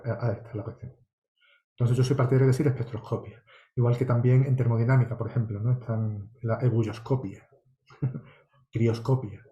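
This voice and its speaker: Mellow-voiced man explaining astronomy. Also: medium pitch, echoey room, lo-fi sound. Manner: meticulous, explanatory, with frequent tag questions. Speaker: astronomy lecturer. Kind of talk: online course Q&A.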